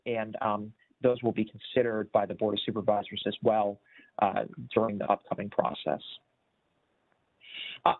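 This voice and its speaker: A man presenting budget figures on a video call in a measured way, with frequent filler words and restarts. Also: mid-range voice, dry recording. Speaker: county budget official presenting at a town hall. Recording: tinny, dry video-call audio.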